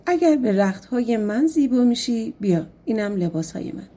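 A woman voicing an innocent young bride in a folk tale, speaking gently and trustingly. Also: a little high, lively intonation, husky. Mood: gentle.

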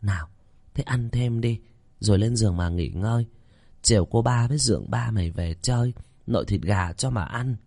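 A man voicing a gentle elderly grandmother who speaks softly and coaxingly in an audiobook story. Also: fairly low pitch, normal speed, vocal fry, dry recording. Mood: doting. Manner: soft and coaxing.

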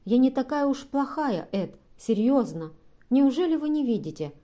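A woman's voice: high voice, very animated, moderate pace, warm tone, pitched above the performer's own voice. A woman reading a desperate, pleading young woman. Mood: begging. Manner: pleading, tearful. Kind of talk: audiobook reading.

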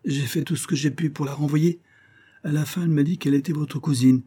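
A man's voice: on the high side, fairly even intonation, a little fast, warm tone, breathy edge, voice pushed up. A man voicing a dutiful manservant who explains himself deferentially, in an audiobook reading. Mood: apologetic. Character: dutiful male servant, fussy and apologetic.

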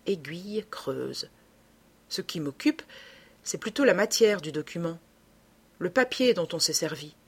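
A keen young amateur detective, as a woman reads him in an audiobook. He reasons aloud, step by step and methodically. The voice is husky and rather low. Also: big pitch swings, a little slow, long pauses, exaggerated voice. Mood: reasoning. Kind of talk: audiobook reading.

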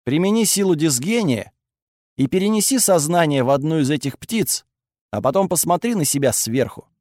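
Man voicing a calm, coaxing young hero. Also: a little high, normal speed, dry recording, clean studio sound.

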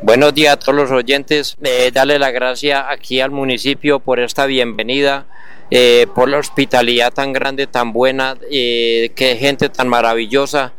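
Radio guest: Antioquian man, flat delivery, very crisp clear tone, earnest. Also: medium pitch. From Colombia. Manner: earnest, halting, grateful. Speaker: guest, wheelchair traveler. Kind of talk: radio interview.

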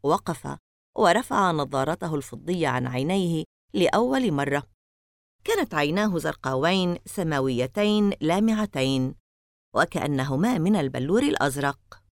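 A woman narrating an audiobook novel with expressive storytelling. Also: deep voice, moderate pace, dry recording, clean studio sound.

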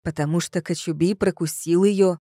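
A woman's voice: on the low side, steady tone, normal speed, mellow, no echo, clean studio sound, lightly acted. A woman reading the part of an easygoing, carefree young man in an audiobook. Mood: offhand. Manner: easygoing, offhand. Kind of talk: audiobook character voice.

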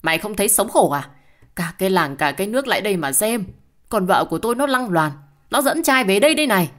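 A woman voicing a brutal, foul-mouthed husband who shouts insults in an audio story. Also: sits low, normal speed, lightly acted. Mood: angry shouting.

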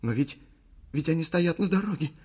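A frightened young actress whimpers and pleads in a high, thin voice, as a male audiobook reader puts her on. She sounds whiny and clingy. Her pitch swoops up sharply when she begs. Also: very animated, moderate pace, a little mellow, breathy edge. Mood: pleading.

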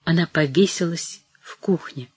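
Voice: mid-range voice, moderate pace, breathy edge, no echo, faint music behind. A reader voicing a frail, half-blind old grandmother who shrieks and stammers in terror. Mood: shrieking panic.

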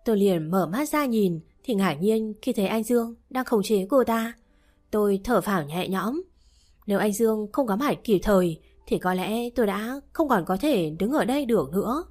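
A woman reading a first-person romance story in an even, measured way. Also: medium pitch. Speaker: narrator. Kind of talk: first-person audiobook narration.

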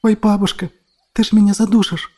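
A man voicing a cheerful, affectionate young girl who talks excitedly to her grandmother. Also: high voice, fairly quick, pitched above the performer's own voice.

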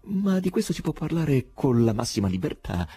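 A man's voice: mid-range voice, sing-song, moderate pace, mellow, breathy edge, voice pushed up. A man doing a confident, lecturing scholar. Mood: assured. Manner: emphatic, lecturing. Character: self-assured learned man, polite and confident. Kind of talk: audiobook reading.

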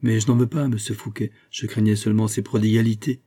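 An old queen mother from a read-aloud novel speaks haughtily and reproachfully. A man gives her a low, dark, husky voice with barely any change from his own. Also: level tone, fast. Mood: guarded.

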